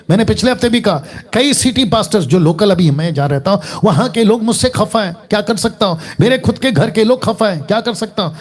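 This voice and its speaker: A middle-aged male pastor preaches to an online audience. He repeats his lines for emphasis and fires rhetorical questions at the listener. His voice sits high, swings widely in pitch and has a husky edge. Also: darkish tone. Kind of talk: online sermon.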